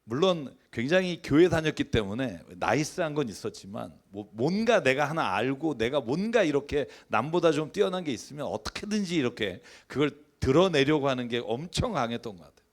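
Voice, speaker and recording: A man's voice: mid-range voice, sing-song, fairly quick. A male pastor preaching a conversational sermon who acts out family conversations as he goes.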